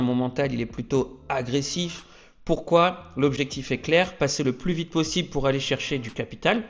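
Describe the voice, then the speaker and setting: A man talking casually to camera about trading, energetic and checking in with "ok?" often. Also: medium pitch, muffled recording. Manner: energetic, peppers lines with "ok?". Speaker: trading youtuber. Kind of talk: casual explainer talk to camera.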